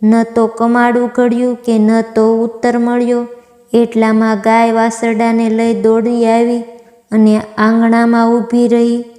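A woman narrating a devotional fasting-day story in an even, recited manner. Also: a little high. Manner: slow, even, recited delivery. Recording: echoey room with long reverb.

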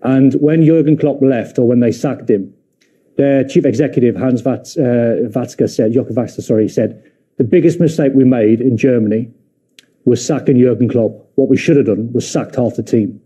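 Emphatic middle-aged male pundit, husky. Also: medium pitch, normal speed, warm tone. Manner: emphatic, repeats his points. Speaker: football pundit. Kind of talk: studio punditry. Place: TV studio.

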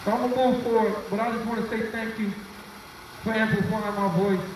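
A man's voice: high voice, steady tone, fairly quick, noisy background. A man emceeing a night rally on a mic in an outdoor plaza, speaking earnestly and repeating his key phrases. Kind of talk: speech to a crowd at a rally. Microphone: handheld mic through speakers, filmed from afar. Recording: echoey outdoor PA, far phone camera.

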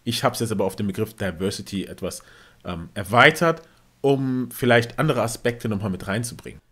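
A man's voice: on the low side, a little fast, a bit bright. A man taking part as a panelist in a casual discussion, weighing both sides.

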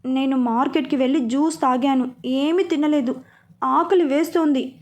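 A bubbly, teasing young heroine who chatters and loves to mimic, as a woman reads her lines. The voice sits high and bright, quick with playful jabs. It comes across as a storybook read aloud. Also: steady tone, lightly acted. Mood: eager. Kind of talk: storybook dialogue reading.

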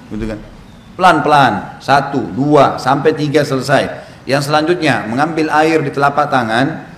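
Guy preacher walking through steps slow, fairly high voice, echoey room. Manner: explanatory, demonstrating with gestures, repeats counts slowly. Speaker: Islamic preacher. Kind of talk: religious lecture demonstrating steps. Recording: echoey room with faint noise.

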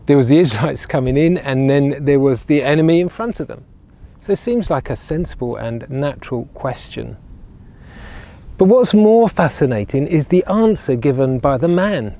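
Standing by ruined castle walls on a sunny day, a man who serves as a regional minister preaches earnestly to the camera through a clip-on lapel mic. His mid-range voice is mellow and expressive at a moderate pace, and he tends to repeat words while building toward a point.

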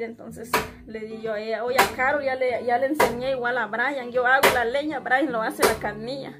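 A young Guatemalan woman speaks in a fairly high voice, recounting her struggles with tears close to the surface. She keeps slipping into the words she said to her children. Loud music runs under the recording. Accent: Guatemalan Spanish. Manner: tearful, retells conversations in quoted speech. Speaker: interviewee, struggling mother. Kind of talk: emotional personal account.

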